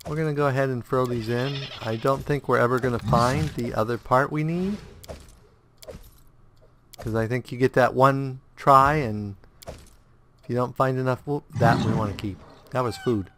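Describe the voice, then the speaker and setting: Medium in pitch and moderate in pace, this male let's play host sounds congested and a touch sore-throated. He hums idly as he navigates menus and keeps up casual commentary on his game, thinking aloud in a relaxed, meandering way.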